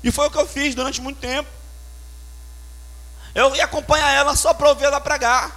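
High-voiced pastor preaching. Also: male voice, flat delivery, fairly quick, pushed and bright. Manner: emphatic, storytelling with sound effects. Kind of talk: sermon.

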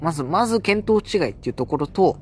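This man's voice sits on the high side, animated and fast. He hosts a casual solo podcast reviewing wrestling shows, recounting events chattily and recapping promos while lightly mimicking what others said.

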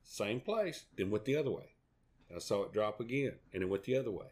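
A man's voice: on the low side, expressive, brisk, darkish tone. A middle-aged man with a Southern US accent, chatting in a rambling, down-home way as a podcast co-host. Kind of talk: folksy casual chat.

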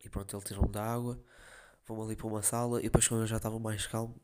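A man's voice: fairly low pitch, flat delivery, racing, a little mellow, a little hiss or hum. A young man with a European Portuguese accent, rambling in slangy casual chat as a podcast host. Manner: slangy, rambling storytelling with many fillers.

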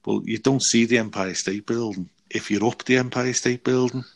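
A man chatting casually, telling an animated travel story and acting out the people in it. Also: mid-range voice, normal speed, vocal fry. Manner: animated storytelling with quoted voices, swears. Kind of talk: casual chat.

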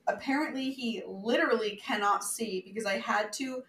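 A woman's voice: a little high, normal speed, distant mic, slight background noise. Woman telling a story in an echoey room. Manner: animated storyteller, acts out quotes, swears. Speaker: podcast co-host. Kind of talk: casual chat, storytelling.

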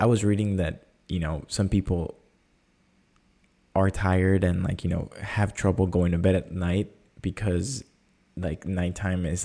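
Male podcast host, low creaky voice, casual and rambling. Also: mellow. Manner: rambling, filler-heavy with "like" and "you know". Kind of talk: casual chat.

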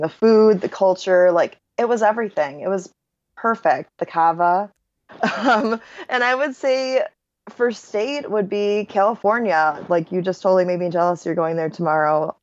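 A woman in her thirties, a wedding photographer talking as a podcast guest, bubbly and quick to laugh, with lots of "like". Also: fairly low pitch, darkish tone, highs cut off. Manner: bubbly, laughs often, says "like" a lot. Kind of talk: casual interview chat.

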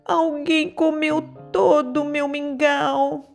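A tiny baby bear from a storybook, squeaking high and almost crying. The voice is pushed far above her own and sounds quite different. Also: flat delivery, slow, gravelly, faint music behind, exaggerated voice. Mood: tearful.

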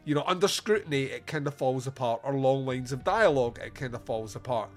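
A man's voice: medium pitch, animated, a little fast, soft background music. A man hosting a film podcast, chatting casually in a rambling, enthusiastic, sweary way. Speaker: podcast host.

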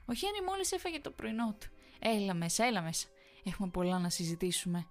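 A woman's voice: mid-range voice, expressive, faint music behind, natural voice. A woman voicing a sinister, sweetly menacing village woman who keeps insisting. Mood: falsely welcoming.

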